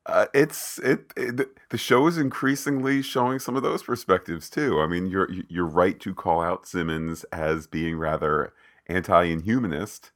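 Deep-voiced dude on a tv recap podcast, wry and a bit mock-formal. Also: male voice, measured pace. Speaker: podcast co-host. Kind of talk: casual TV recap chat.

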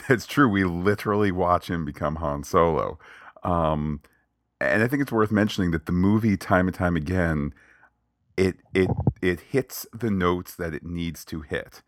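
Deep-voiced man riffing opinions on a film. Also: measured pace, no room sound, studio quality. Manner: opinionated, playful, digressive. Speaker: podcast co-host. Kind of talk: casual film review chat.

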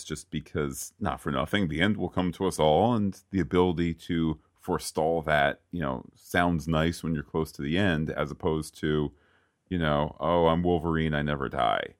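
Deep-voiced man on a podcast. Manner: animated, slips into mock quoted voices. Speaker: podcast co-host. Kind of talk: casual podcast chat.

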